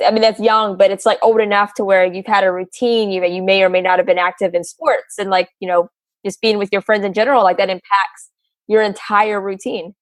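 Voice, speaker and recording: A woman's voice: mid-range voice, level tone, fairly quick, dry recording. Chatty woman podcast host, dry sound. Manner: chatty, repeats words, many fillers. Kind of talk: casual interview.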